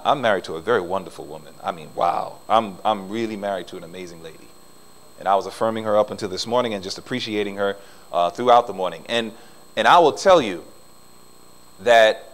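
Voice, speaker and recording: A middle-aged man preaching a sermon in a church, swinging between loud emphasis and soft asides. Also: medium pitch, rough recording. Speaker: pastor. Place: church sanctuary.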